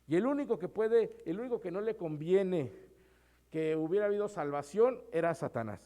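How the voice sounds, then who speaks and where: Male pastor, relaxed conversational sermon delivery, voice slightly higher than average. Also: gravelly. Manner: conversational preaching, often adds "hermanos".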